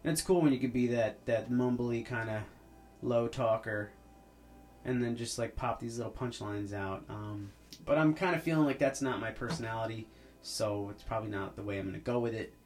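A man's voice: mid-range voice, moderate pace, a little mellow, slight background noise. A man, hosting a podcast as a casual, rambling monologue full of restarts. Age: 30s. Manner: rambling, with many restarts and fillers. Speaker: podcast host.

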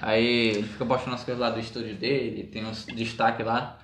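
A man's voice: lowish voice, flat delivery, a little fast. A man hosting a casual podcast, moving topics along and speaking to the listeners. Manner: steers the talk, addresses listeners. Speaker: podcast host. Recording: echoey room, faint noise.

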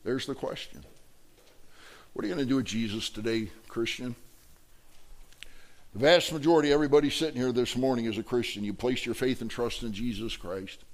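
A man preaching a Sunday morning sermon in an animated way, asking the congregation questions and breaking into loud shouts. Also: medium pitch, fairly quick, pauses often. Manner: animated, bursts into loud shouts acting out a sports fan; asks the congregation questions, then ends in prayer.

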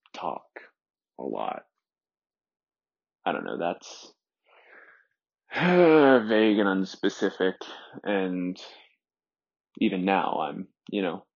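A twenty-one-year-old man in an introspective solo monologue, talking hesitantly and softly with many pauses, alone in a room, on a dull lo-fi recording. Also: sits low, creaky, slightly rough. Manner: hesitant, soft-spoken, many pauses and fillers.

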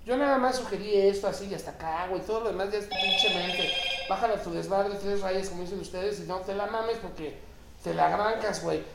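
A Mexican man in his fifties, a guest in a casual podcast chat, telling stories in a profane, emphatic way with big swings in loudness. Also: high-pitched, fairly quick, creaky, very noisy. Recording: echoey room.

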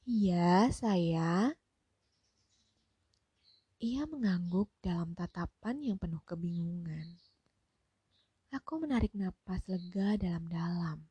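A woman narrating a story in Indonesian in a soft, often half-whispered voice. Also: fairly low pitch, husky, no echo. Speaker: audiobook narrator. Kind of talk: slow hushed story narration.

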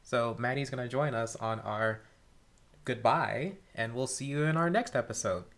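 A woman's voice: a bass voice, moderate pace. A woman hosts a casual podcast chat, talking in a chatty, upbeat way. She laughs easily and keeps things light. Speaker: podcast host.

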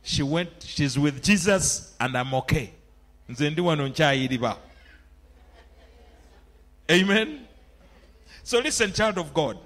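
Ugandan preacher, high and lively. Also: male voice, slow pace, pauses often. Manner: mixes in phrases of a local language. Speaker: pastor. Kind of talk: sermon.

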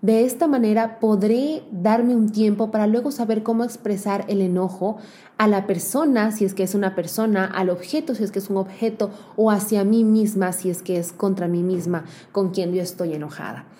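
A woman giving an earnest motivational talk to women, speaking straight to the listener and slowing down to stress key words. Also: mid-range voice, fairly even intonation. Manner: addresses the listener directly and warmly.

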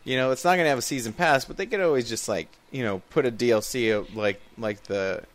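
A man's voice: medium pitch, fast. A man co-hosting a gaming podcast, rambling and laughing as he chats casually. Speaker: podcast co-host. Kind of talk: casual chat.

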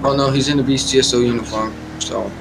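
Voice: medium pitch, fairly even intonation, fast talker, gravelly, background noise. A dispatcher in a police role-play game, talking in terse radio codes. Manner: terse radio-code jargon.

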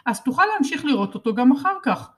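A bossy teenage older brother who sneers and taunts his younger sibling, as a woman reading a storybook puts him on. The voice sits a little higher and pushes harder than a plain reading voice. He orders people around and mocks whatever he hears. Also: sing-song.

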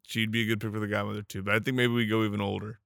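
A man's voice: lowish voice, level tone, racing, gravelly, a bit bright, no echo, clean studio sound. A man co-hosting a podcast in casual chat, teasing playfully and laughing through his lines. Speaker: podcast co-host.

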